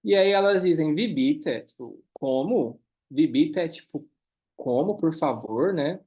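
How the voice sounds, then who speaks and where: A man leads a German lesson. His voice sits a little high. He says the German lines slowly, then explains them quickly. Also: expressive, darkish tone. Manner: switches between slow careful German and quick explanations. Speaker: German teacher. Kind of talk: online class, reading dialogue and translating.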